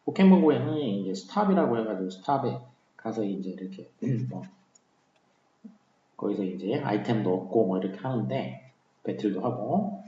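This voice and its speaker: A man's voice: on the low side, animated, normal speed, mellow. A man teaching English vocabulary in a casual, conversational lecture style, with many fillers and key words said twice. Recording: roomy, dull lo-fi sound.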